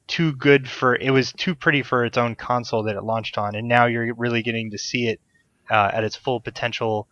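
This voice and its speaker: A man's voice: mid-range voice, fairly bright tone, no room sound. Male podcast host, enthusiastic and rambling, casual swearing; muffled lo-fi call, dead-dry room. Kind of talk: casual chat over a Skype call. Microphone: desk mic on a call.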